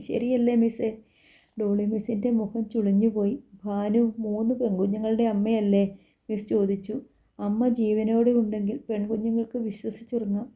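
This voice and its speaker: A woman narrating an audiobook story, softly voicing the characters' quoted lines. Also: a little high, dull audio. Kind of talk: scripted narration with character dialogue.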